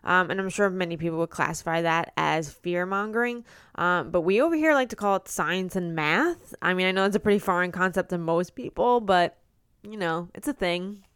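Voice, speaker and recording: A woman from the United States co-hosting a casual podcast, walking through numbers with wry, deadpan sarcasm. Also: lowish voice, normal speed, clean tone, no echo, studio quality. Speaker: podcast co-host.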